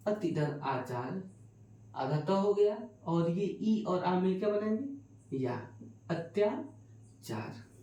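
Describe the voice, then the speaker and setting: A man's voice: a little high, dark tone. A man teaching a grammar lesson for exam preparation, asking questions and answering them himself while stretching out key words. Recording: echoey room, distant mic.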